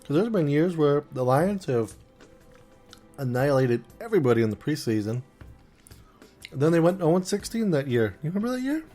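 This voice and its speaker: A man's voice: a little high, animated, normal speed, pauses often, warm tone, soft background music. A male podcast host in casual solo chat, playful and chatty, talking while he eats.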